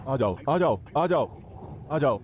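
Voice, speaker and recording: An insistent ritual leader. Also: male voice, medium pitch, animated, slow pace, background noise. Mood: urging. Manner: insistent, chanting exhortation. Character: male ritual leader urging on a dying rite. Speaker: dubbing actor. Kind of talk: Hindi film dub.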